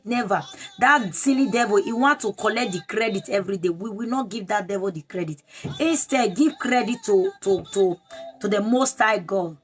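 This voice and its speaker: Casting: woman preacher, fervent exhorting delivery, soft music underneath. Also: mid-range voice. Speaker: prayer leader. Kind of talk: online sermon.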